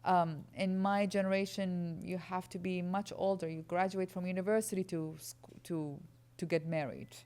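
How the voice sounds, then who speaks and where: A woman's voice: fairly low pitch, fairly even intonation, normal speed, hardly any pauses, a little mellow, clear, resonant tone. A woman from Iraq, earnestly explaining as a guest speaker answering audience questions at a lecture.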